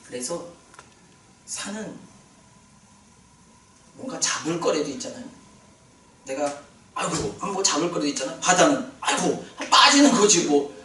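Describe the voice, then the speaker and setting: Pastor guy giving a sermon, pitch all over the place, roomy hall, faint hum behind. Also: normal speed, pauses often, far from the mic. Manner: animated, questioning the congregation. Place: prayer retreat hall.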